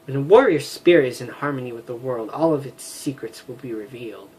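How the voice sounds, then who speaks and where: A man's voice: mid-range voice, fairly quick, a little mellow, breathy edge, natural voice. A man voicing a proud, mystical winged female warrior in a game, speaking in lofty, solemn pronouncements.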